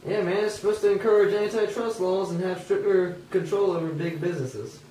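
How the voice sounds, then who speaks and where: A man plays a disgruntled old-time American working man, a 19th-century type wary of politics, for an amateur puppet show. The voice is high with a dark tone and only lightly acted, moving a little fast in an earnest mood, recorded from a distant mic in an echoey room with faint noise.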